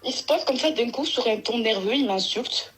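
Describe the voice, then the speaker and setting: A woman's voice: on the high side, moderate pace, fairly bright tone, husky, rough recording. A woman phoning in to tell a long personal story, rambling and emotional, with many restarts. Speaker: caller. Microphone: phone.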